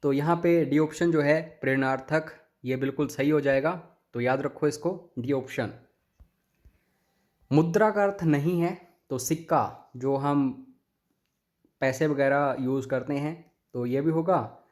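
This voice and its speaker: A man's voice: on the high side, measured pace, darkish tone. A young man teaching an exam-prep grammar lesson, explaining each answer step by step and addressing viewers as friends.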